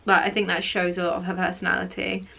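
A woman's voice: fairly low pitch, completely flat delivery, quick pace, gravelly, pushed and bright. A young woman chatting casually to her camera, opinionated and full of fillers. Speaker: vlogger. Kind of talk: casual chat. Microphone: camera mic.

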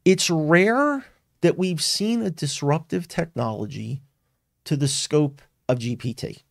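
Clean studio audio with no room sound captures a man hosting his weekly live tech webinar. He is animated and unhurried, with a fairly high, gravelly voice, speaking earnestly and emphatically while frequently restarting and filling pauses.

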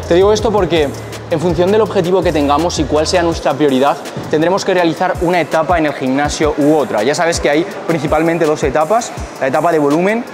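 Young guy fitness coach talking to camera in a gym, fairly high voice, music under it. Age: young adult. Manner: direct, coaching, asks rhetorical questions. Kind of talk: fitness vlog advice to camera. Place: indoor gym. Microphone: small clip-on mic on shirt. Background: background music.

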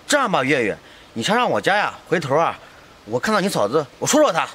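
A man playing a kindly single scrap collector who talks with warm concern. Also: a little high, huge pitch swings, quick pace, a little hiss or hum, exaggerated voice. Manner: warm-hearted, concerned, chatty.

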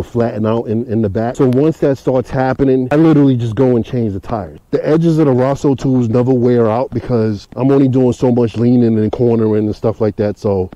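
A man's voice: mid-range voice, mellow, no room sound, muffled recording. A man reviewing motorcycle tires in a casual, rambling way, full of fillers and repeats, outdoors next to his bike. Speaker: motovlogger. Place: outdoors in a parking lot beside his motorcycle.

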